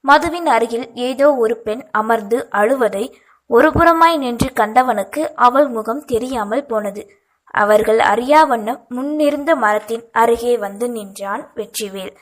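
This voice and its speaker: A woman reads a novel aloud in steady, even storytelling. Her voice sits slightly high, and she keeps an unhurried narrative flow. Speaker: audiobook narrator. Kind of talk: scripted narration.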